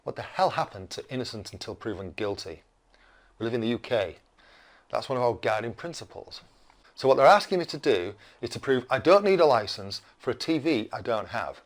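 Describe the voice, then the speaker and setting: Here a brisk British video blogger in his fifties, medium-pitched with lively intonation, delivers an opinionated rant straight to camera. His tone is emphatic, cranky and indignant, and he keeps firing off rhetorical questions.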